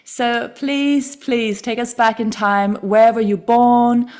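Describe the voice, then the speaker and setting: A woman hosting a podcast, introducing her guest in a gushing, deliberate way. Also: on the high side, fairly even intonation, darkish tone. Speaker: podcast host. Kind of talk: interview introduction.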